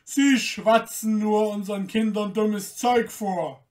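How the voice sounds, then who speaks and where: A man voicing a band of gruff old gate guards who shout, scold and mock, recorded a little off the mic. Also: very high voice, unhurried, distant mic, pitched above the performer's own voice. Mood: scornful. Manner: loud, scolding, mocking.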